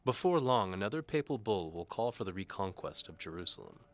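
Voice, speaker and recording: In an audio drama, a man plays a zealous, pompous older medieval bishop who speaks in a didactic, commanding way. His voice sits low yet is pitched above his own natural voice, with big pitch swings and a fairly quick pace.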